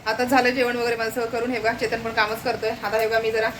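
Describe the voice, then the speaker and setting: A woman's voice: on the high side, level tone, fast, noisy background. Chatty Marathi-accented woman vlogging chores. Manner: chatty, talks to viewers while doing chores. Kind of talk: casual home vlog narration. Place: apartment at home.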